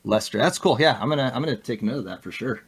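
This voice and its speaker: A young man chats as a podcast guest in an easy, conversational way. He is animated, laughs often and restarts his sentences as his thoughts race ahead. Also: mid-range voice, fast, slightly rough. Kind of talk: casual interview chat.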